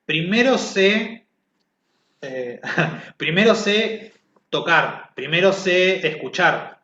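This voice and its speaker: A man's voice: high-pitched, expressive, extremely slow, pushed and bright. A man teaching a music class, explaining conversationally and often checking understanding. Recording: echoey, dull lo-fi sound.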